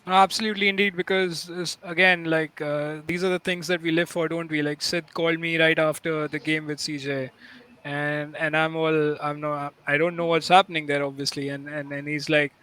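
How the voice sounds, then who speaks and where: Higher-voiced male host. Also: flat delivery, moderate pace, bright, forceful tone, clean tone, poor audio. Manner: rambling, full of fillers and restarts. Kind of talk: casual interview hosting.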